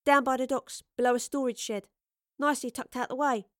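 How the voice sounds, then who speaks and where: A woman voicing a cheerful, cheeky young woman with a London Cockney accent and slangy, bright delivery. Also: high-pitched, steady tone, a little fast, no room sound, studio quality, pitched above the performer's own voice. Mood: smug.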